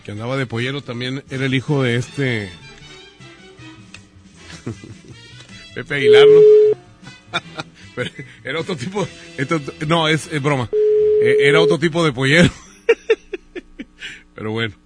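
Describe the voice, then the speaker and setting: A man's voice: mid-range voice, unhurried, long pauses, loud music behind the voice. A Mexican-accented man hosting a prank-call radio show, joking and laughing often.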